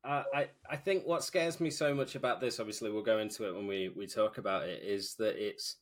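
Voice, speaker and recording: A British man speaks in a slightly low voice. He sounds like an informal podcast co-host, joking and chatting casually, with the odd swear word. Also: brisk. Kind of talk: casual chat with reading aloud.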